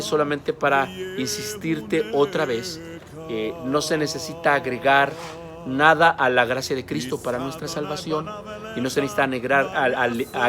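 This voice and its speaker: A man giving an earnest sermon-style teaching, emphatic and speaking straight to the listener. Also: medium pitch. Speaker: preacher.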